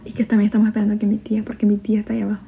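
This livestream host is a young woman from El Salvador whose Salvadoran Spanish carries a Mexican tinge. She chats casually and gossips, laughing readily while reading comments from viewers out loud. Her mid-range voice is rapid-fire, creaky and completely flat, and the recording's highs are cut off.

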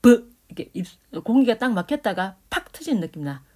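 A woman's voice: mid-range voice, big pitch swings, fast talker, faint music behind. A woman teaching Korean grammar, explaining speech sounds, demonstrating consonants aloud and checking in with her students. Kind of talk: lecture explaining phonetics.

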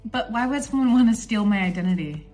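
A young woman performing a comedy skit with whiny, over-the-top exasperation. Her voice is a little high, and there is soft music in the background. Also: expressive, fairly quick. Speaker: comedy creator. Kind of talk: comedy sketch role-play.

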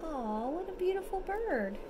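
With an extremely high, sing-song voice at a measured pace, a mother reads a picture book aloud to her toddler at bedtime, encouraging the child as she goes. Heavy background noise surrounds her, picked up by a phone held at arm's length.

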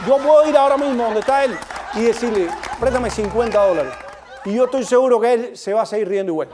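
A Cuban comedian hosting, delivering a stand-up monologue, joking and speaking straight to the audience while acting out different kinds of laughter. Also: male voice, very high-pitched, background noise. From Cuba. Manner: joking, addresses the audience directly. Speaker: comedian host.

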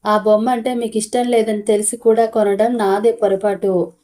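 A woman voicing a patient, caring wife who speaks gently and placatingly, in a storybook reading. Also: mid-range voice, flat delivery, normal speed, lightly acted. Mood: soothing.

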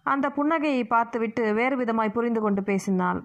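A woman narrating an audiobook novel in a steady storytelling manner, recorded muffled and lo-fi. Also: on the high side, a little fast.

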